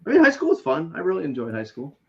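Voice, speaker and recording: A man in his late thirties co-hosting a casual podcast, animated and teasing, swearing freely. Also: fairly high pitch, quick pace, dull audio. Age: 30s. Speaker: podcast co-host.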